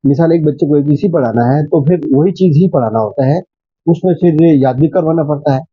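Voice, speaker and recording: School principal guy from pakistan, kinda high voice, explains step by step like a teacher, dry muffled sound. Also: fairly quick, breathy edge, no echo. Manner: explanatory, teacherly, with many fillers and examples. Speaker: school principal, interview guest. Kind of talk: conversational interview answer.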